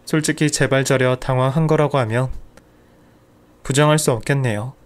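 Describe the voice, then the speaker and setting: A middle-aged man narrating a first-person family story at a calm, measured pace. His pitch sits at an everyday middle height.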